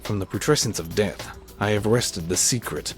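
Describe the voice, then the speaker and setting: In a theatrical amateur audio drama, a man voices a monster-making scientist who is obsessed and arrogant, sounding grandiose and exultant. His pitch is fairly low, his speed normal and his acting light, with soft background music.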